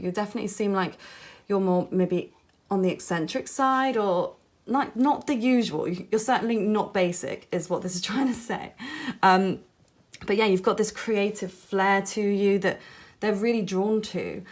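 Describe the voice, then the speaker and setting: Musing woman giving a tarot reading. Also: medium pitch. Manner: musing, gently reassuring, hedging with "I feel". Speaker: tarot card reader. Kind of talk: pick-a-card tarot reading to camera.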